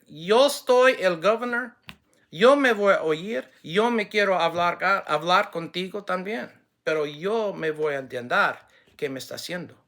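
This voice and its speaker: In a high, bright, forceful voice, a native English-speaking man gives a formal address to camera in halting, non-fluent Spanish. He restarts often and slips into English, staying earnest and closing with blessings.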